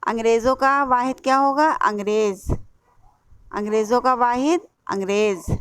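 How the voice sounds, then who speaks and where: Female Urdu teacher, Indian accent, slow and repetitive, spells words out, dry close sound. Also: a little high, a bit bright, clean tone, dry recording. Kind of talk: classroom lesson explaining a workbook.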